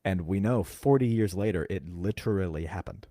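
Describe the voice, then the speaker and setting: A man co-hosting a podcast, carefully explaining scripture in casual chat and slowing down to stress key words. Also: low-pitched, dark tone, no echo, studio quality. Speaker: podcast co-host. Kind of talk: casual Bible teaching chat.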